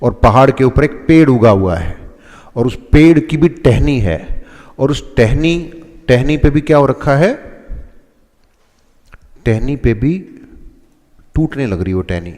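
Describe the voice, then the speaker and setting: A man's voice: medium pitch, expressive, a little slow, long pauses, dark tone, in a large hall. A man teaching English phrases, explaining in Hindi and acting out examples. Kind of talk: spoken English lesson in Hindi.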